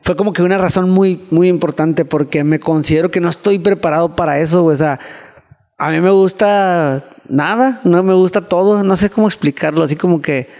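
A man's voice: high voice, a little fast, a little mellow. A young man with a Mexican accent, a podcast guest telling a personal story in slangy, self-mocking casual chat. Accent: Mexican Spanish. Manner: slangy, peppers speech with filler words, self-mocking. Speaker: guest youtuber.

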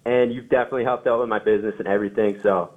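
A man's voice: on the low side, fairly even intonation, very fast. Brief: eager teen male caller, young adult, heard through a tinny phone line. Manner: eager, thankful.

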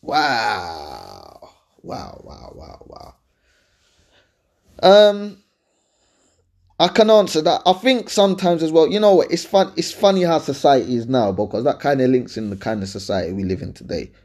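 This host's voice sits on the high side, a little mellow, and moves fairly quickly. Using London roadman slang and accent, he answers listener questions on a relaxed advice podcast, talking colloquially and with emphasis, frequently restating points and checking the listener's with him.

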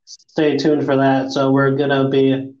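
A man hosting a casual podcast with crude, dark joking, recorded in an untreated room that sounds like the inside of a fishbowl. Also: medium pitch, completely flat delivery, measured pace, reverberant, dull audio. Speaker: podcast host. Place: echoey room, not soundproofed.

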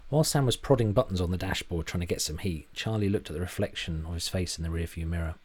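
Deep husky male storyteller. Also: fast talker, a little mellow. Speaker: narrator. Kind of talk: storybook narration.

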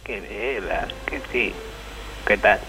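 A man voicing a frail, confused, very old male party member who answers slowly and haltingly. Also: low-pitched, creaky, sharp tone, a little hiss or hum, exaggerated voice, rough recording. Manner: slow, halting, confused replies.

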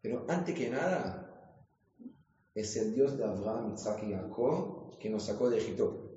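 A man, a rabbi giving a lively Torah class in a synagogue, quizzing his listeners and joking with them. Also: fairly low pitch, unhurried. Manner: jokes and quizzes the audience with questions. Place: synagogue hall. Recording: echoey hall, dull lo-fi sound.

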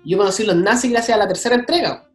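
A young man with a Chilean accent, a guest telling stories in a casual interview, full of slang and quick asides. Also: high voice, reverberant, faint music behind. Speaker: guest, content creator.

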